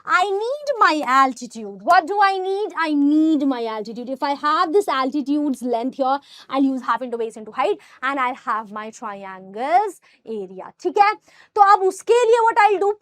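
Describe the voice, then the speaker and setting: A woman's voice: high-pitched, expressive, normal speed, fairly bright tone, no room sound. A woman with a North Indian accent teaching maths, explaining step by step and emphatically putting questions straight to her students. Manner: emphatic, addresses students directly. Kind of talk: explanatory lesson with rhetorical questions.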